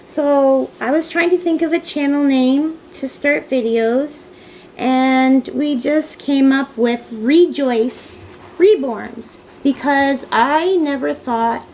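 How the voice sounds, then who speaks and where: A woman in her thirties from Canada talks in a slow, easy way as she answers tag questions on her vlog. Her voice sits high, she sounds a little tired, and faint noise runs underneath. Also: darkish tone, poor audio. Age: 30s. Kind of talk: casual chat.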